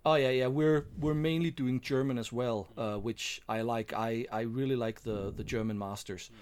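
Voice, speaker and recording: A man hosting a casual podcast, his voice a little gravelly from a recovering throat. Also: medium pitch, steady tone, normal speed, a little mellow, slight background noise. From Denmark. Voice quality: slightly gravelly. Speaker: podcast host.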